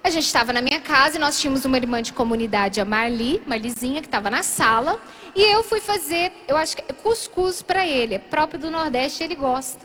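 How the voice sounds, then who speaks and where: A Brazilian woman with a high, bright voice tells a personal faith story. She acts out the dialogue in shifting voices and keeps the telling lively. Faint background ambience is audible under her speech. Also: brisk, slight background noise. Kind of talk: storytelling testimony.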